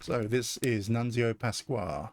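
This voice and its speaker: A man's voice: medium pitch, takes it slowly. A man streaming a mystery game, thinking aloud in a hesitant, self-correcting way. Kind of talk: casual gameplay commentary.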